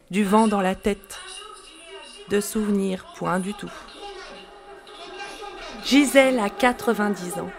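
A woman tells a tale aloud with a rhythmic, playful delivery and shifting tempo. Her voice sits fairly high. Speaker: storyteller. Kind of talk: spoken storytelling.

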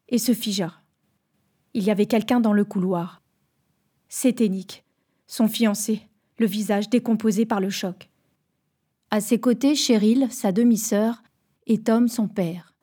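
A woman's voice: on the high side, dark tone, breathy edge. A woman reading a dramatic story as narrator, with intense storytelling delivery. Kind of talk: scripted narration.

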